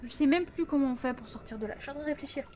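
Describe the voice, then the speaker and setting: Chatty high-voiced woman gaming. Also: rapid-fire, dark tone, slight background noise. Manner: chatty, addresses viewers, frequent "hein"; flustered yelps and exclamations under stress. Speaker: let's play gamer. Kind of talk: casual gaming commentary. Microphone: close desk microphone.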